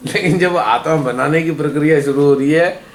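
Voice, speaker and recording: Brief: fairly high-voiced man, playful spiritual speaker, echoey hall with faint ambience. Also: normal speed. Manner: playful, rhyming wordplay, laughs between points. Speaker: meditation workshop speaker. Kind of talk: spiritual talk to a gathering. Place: workshop hall.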